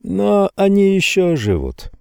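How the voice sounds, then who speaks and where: A man's voice: high-pitched, wildly swooping pitch, takes it slowly, creaky, darkish tone, clear, resonant tone, no echo, studio quality, pitched above the performer's own voice, full character voice. A man playing an evasive, mumbling bond broker.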